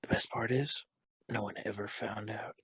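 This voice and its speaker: A man reading a joke post aloud in a deadpan, mock-dramatic way with long pauses. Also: lowish voice, slightly rough, dry recording.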